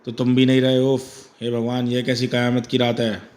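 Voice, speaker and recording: A man's voice: mid-range voice, completely flat delivery, moderate pace, a little mellow, natural voice. A man voicing a young woman in a horror comic dub, crying out in panic and fury as she faces a killer. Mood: frantic. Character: young woman, terrified then vengeful survivor. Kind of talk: comic audiobook voice acting.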